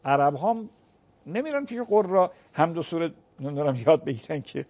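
A man with a slightly raised pitch explains religious rulings in measured, drawn-out phrases, sometimes reciting prayer words to demonstrate. The sound is a little dull and muffled, like broadcast audio. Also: lively intonation. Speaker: cleric answering religious questions. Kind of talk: call-in religious Q&A.

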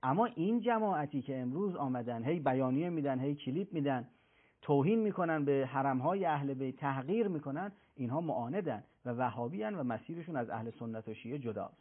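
A man's voice: mid-range voice, animated. A man speaking as a religious scholar on a talk show, telling a pious story earnestly and quoting the figures in it. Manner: earnest, preaching, recounts tales with quoted voices. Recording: thin phone-like broadcast sound.

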